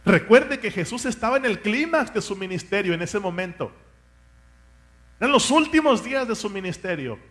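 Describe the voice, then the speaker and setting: A man's voice: high voice, sing-song, moderate pace, fairly bright tone. A man, a pastor, preaching a sermon with fervent rhetorical questions and asking his congregation to repeat words after him.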